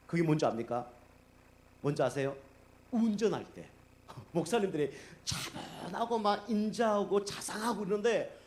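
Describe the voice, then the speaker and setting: A middle-aged man preaching as a pastor in a church, telling stories in a casual, animated way and acting out the people he quotes. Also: high voice. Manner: animated, acts out quoted speech, many fillers. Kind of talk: conversational sermon storytelling. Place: church sanctuary.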